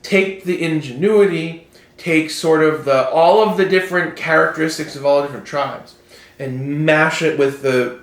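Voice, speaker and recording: A man's voice: fairly high pitch, moderate pace. A man co-hosting a casual podcast chat, rambling and restarting his sentences. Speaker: podcast co-host. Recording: roomy echo.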